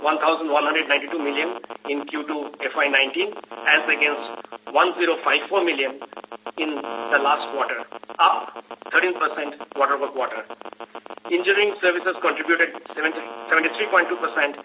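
A man's voice: fairly high pitch, steady tone, brisk, crowd noise. A man with an Indian accent formally and stiffly reading company results as an executive on a conference call. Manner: stiff, formal read-out of figures. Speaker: company finance executive presenting quarterly results. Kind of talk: scripted earnings call presentation. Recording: muffled telephone conference line, faint noise.

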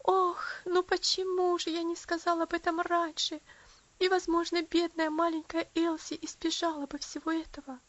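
A woman's voice: very high-pitched, level tone, moderate pace, fairly bright tone, voice pushed up. A woman voicing a frail, lame young boy who speaks anxiously in an audiobook story. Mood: earnest. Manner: anxious, breathless. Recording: dull lo-fi audio.

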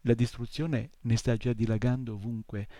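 A man's voice: medium pitch, little pitch movement, normal speed, no room sound, studio quality, close to an everyday voice. A man voicing an urgent young boy hero. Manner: urgent, pleading, shouting. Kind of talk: audiobook reading.

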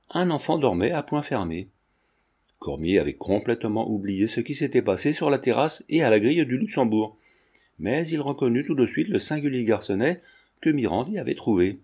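A man narrating a classic novel as an audiobook, in a measured storytelling manner. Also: medium pitch, darkish tone, husky.

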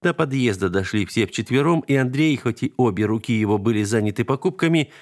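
A man's voice: mid-range voice, expressive, fairly quick, a little mellow. A man narrating a children's story in first person as an audiobook reader.

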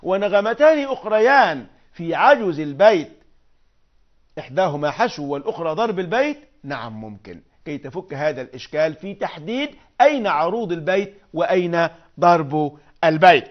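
A man teaching poetic meter, explaining patiently and chanting verses and meter syllables slowly. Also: on the high side, big pitch swings, muffled recording. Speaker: Arabic prosody teacher.

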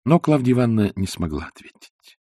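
A man narrating a literary novel as an audiobook, in a lively, theatrical storytelling manner. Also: mid-range voice, brisk, no room sound, studio quality.

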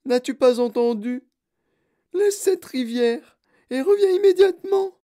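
A narrator voicing a hysterical mother who shrieks in a shrill, loud voice. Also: big pitch swings, takes it slowly, exaggerated voice. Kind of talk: audiobook character voice.

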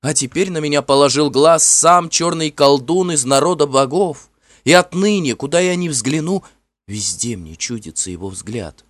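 A frightened young fairy woman, played by a man in a storybook, pleading and tearful, her pitched-up voice swooping widely between soft and urgent. The reading sounds close and dry, with faint music underneath. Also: expressive, moderate pace, dry recording. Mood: fearful.

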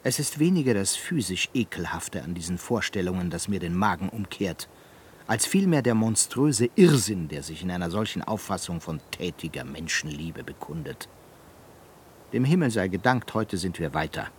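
In a German radio play, a male actor with a low voice portrays a fiery, eloquent Italian humanist pedagogue, declaiming with indignant rhetoric. He sounds very animated and disgusted, speaking at a moderate pace over slight background noise.

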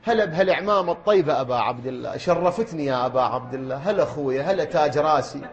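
A man softly voicing a gracious noble woman. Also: fairly high pitch, racing, lo-fi sound, pitched below the performer's own voice, lightly acted. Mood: welcoming. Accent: Iraqi Arabic. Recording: roomy hall echo.

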